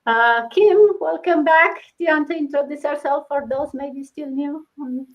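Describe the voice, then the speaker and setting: A woman hosts a live online interview and welcomes each guest in turn. Her voice sits a little high, and she talks loosely with fillers. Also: moderate pace, poor audio. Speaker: host.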